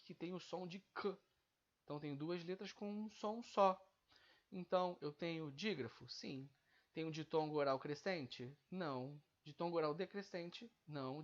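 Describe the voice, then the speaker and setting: A man's voice: fairly high pitch, highs cut off. A male teacher giving a grammar lesson, explaining step by step and drawing out the example words he is breaking down.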